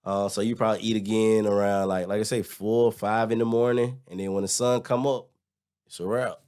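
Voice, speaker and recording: A man's voice: on the low side, a little fast, clear, resonant tone. Casual man telling stories, lots of "like". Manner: animated storytelling, lots of "like" and restarts. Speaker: guest, former teacher abroad. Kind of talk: casual chat.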